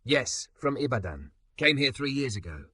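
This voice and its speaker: A man voicing a soft-spoken patient immigrant. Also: medium pitch, sing-song, husky, no room sound, pitched above the performer's own voice, heavily acted. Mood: gentle. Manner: soft, gentle, measured. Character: calm patient immigrant man, gently teasing.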